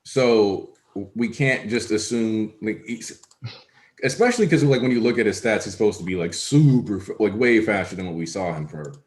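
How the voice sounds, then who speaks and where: A man's voice: lowish voice, lively intonation, moderate pace. A man co-hosting a casual chat, talking in a rambling way with many fillers. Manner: rambling, many likes and ums. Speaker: podcast co-host.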